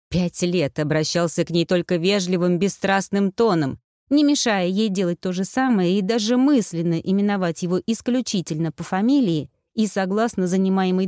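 A woman reading a fantasy novel aloud as an audiobook narrator, with steady, even storytelling. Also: mid-range voice, no echo, clean studio sound. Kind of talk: scripted narration.

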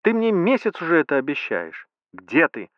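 A furious wife shrieks down the phone in a piercing high voice, put on by a male reader. Her pitch leaps all over the place. The voice sounds dry and a little dull. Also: huge pitch swings, moderate pace, dry recording. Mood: furious shrieking. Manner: shrill, screaming.

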